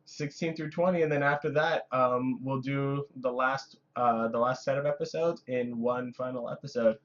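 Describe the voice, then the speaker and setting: Man, podcast co-host, relaxed retelling, wry asides, middle pitch, dull lo-fi sound. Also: normal speed. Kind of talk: casual recap chat.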